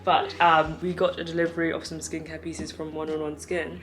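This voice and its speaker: Chatty young woman with a flat delivery. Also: low voice, fairly quick. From Portugal. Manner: chatty, enthusiastic room-tour commentary. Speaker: travel vlogger. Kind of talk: casual vlog narration. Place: hotel room and car. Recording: distant camera mic with loud music.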